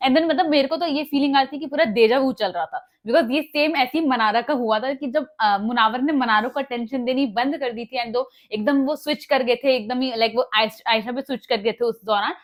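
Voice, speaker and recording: A woman's voice: high-pitched, normal speed, hardly any pauses. A woman casually retelling a reality show episode, mixing in English words and acting out quoted dialogue with many fillers. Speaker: show recap vlogger. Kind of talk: casual spoken recap.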